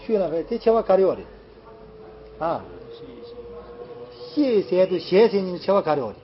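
A man with a high-pitched voice talks casually, circling back over the same phrases with many fillers. The sound is dull and lo-fi, like an old home recording. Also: expressive, moderate pace. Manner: rambling, repetitive, many fillers. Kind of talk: casual chat.

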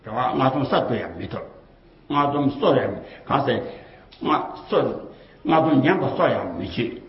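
A man of ordinary pitch talks on in loose, colloquial chat, circling back to the same phrases and tossing in rhetorical questions. The sound is muffled and lo-fi, with a noticeable room echo around his voice. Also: expressive, normal speed. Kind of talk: casual rambling talk. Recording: roomy, dull lo-fi recording.

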